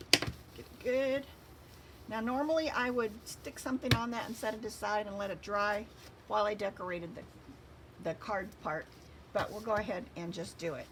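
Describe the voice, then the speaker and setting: A woman's voice: mid-range voice, background noise. A woman hosting a craft tutorial, giving step-by-step instructions while she works with her hands.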